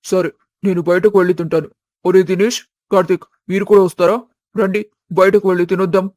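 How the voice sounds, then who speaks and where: A woman putting on a grown son's voice in a storybook tale: pushed down low, with an altered, strained timbre. He talks loud and exasperated, and everything is recorded dry and close. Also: fairly even intonation, fairly quick, no echo, natural voice. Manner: exasperated, argumentative. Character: grown man, eldest son, easily riled. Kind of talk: storybook voice acting.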